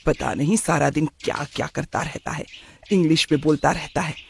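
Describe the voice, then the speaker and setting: A man's voice: fairly high pitch, steady tone, moderate pace, creaky, slight background noise. A man voicing a strict, middle-aged traditional father who scolds his son in a cartoon story. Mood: scolding. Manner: scolding, stern. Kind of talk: cartoon voice acting.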